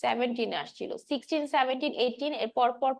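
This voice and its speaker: A woman's voice: high voice, fast, vocal fry. A woman giving an exam-prep biology lecture, drilling key points and often checking that students follow. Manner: drills points with frequent checks, mixing English terms. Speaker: biology teacher.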